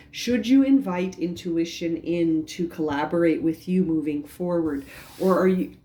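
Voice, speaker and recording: A woman giving a tarot reading for a star sign, talking gently with many restarts and repeated phrases. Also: lowish voice. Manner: gentle, repetitive, frequent restarts. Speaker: tarot reader.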